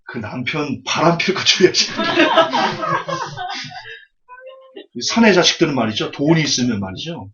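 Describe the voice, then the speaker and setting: A man preaching a sermon with storytelling, lively and humorous, speaking straight to his listeners, on a dull lo-fi recording. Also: a little high, brisk, few pauses, crowd noise. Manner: lively, humorous, addresses the audience directly.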